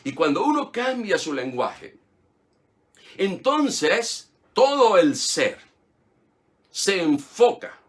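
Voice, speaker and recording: A man preaching a sermon in a somewhat high voice. As a pastor, he builds his points through rhetorical questions and repeated phrases. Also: fairly bright tone.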